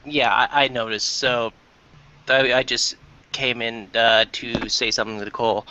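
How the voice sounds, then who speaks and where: A man's voice: medium pitch, flat delivery, moderate pace, sharp tone, slight background noise. A man reviewing a story, joining a voice call and speaking hesitantly with stumbles. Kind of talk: casual chat over voice call. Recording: dull lo-fi voice call.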